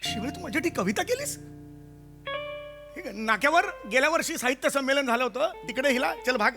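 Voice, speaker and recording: भावनिक, नाटकी वृद्ध वडील. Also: male voice, very high-pitched, lively intonation, a little fast, faint music behind, exaggerated voice. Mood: proud. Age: older. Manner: sentimental storyteller, theatrical and loud. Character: melodramatic elderly father at his birthday. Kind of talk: stage sketch comedy.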